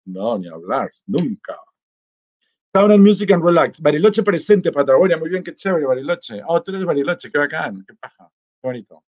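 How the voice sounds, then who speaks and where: A man's voice: a little high, sing-song, normal speed, a little mellow, dull audio. A man, hosting a live stream and casually reading out and answering viewer comments. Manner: chatty and easygoing, reads greetings aloud and answers them. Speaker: vlogger hosting a live chat contest.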